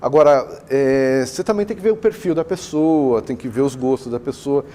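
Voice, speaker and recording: In a TV studio interview, a Brazilian education consultant answers in an animated, chatty way, acting out conversations with his clients. His voice is medium-pitched and he talks at normal speed.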